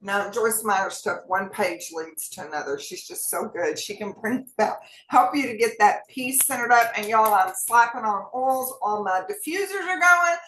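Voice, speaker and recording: A woman's voice: mid-range voice, moderate pace, fairly bright tone, reverberant, slight background noise, poor audio. A woman, co-hosting and talking straight to her viewers in a chatty, folksy way. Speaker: co-host sharing wellness tips. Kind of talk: casual chat.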